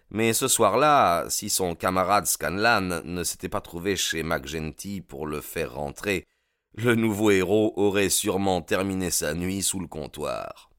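A man narrating an audiobook in a measured, steady storytelling manner. His voice sits low and comes across dry and close to the mic. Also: no echo. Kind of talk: scripted narration.

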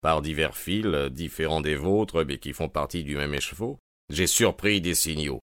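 A man reading an audiobook, voicing a brilliant detective who talks in a measured way. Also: rumbling low, a bit bright, dry recording, clean studio sound. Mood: calm.

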